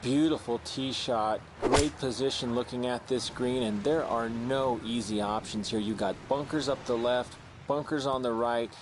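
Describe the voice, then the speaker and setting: A male on-course golf commentator. He speaks in short, clipped phrases at a middle pitch, outdoors with clear ambient noise around him. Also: fairly even intonation, moderate pace, few pauses.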